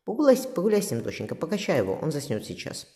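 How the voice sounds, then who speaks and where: A man's voice: a little high, wildly swooping pitch, rapid-fire, darkish tone, voice pushed up. A man reading an audiobook, voicing a weary, tender mother speaking to her daughter. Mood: soothing. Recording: roomy reverberant room.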